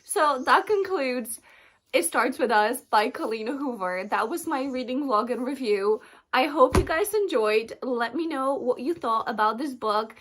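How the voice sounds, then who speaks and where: A young woman with a slightly high voice chats about her reading in a casual home vlog. She talks in an easy, emotional way and laughs often, like a regular book vlogger talking to her viewers. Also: animated, a little slow, fairly bright tone. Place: at home, raining outside.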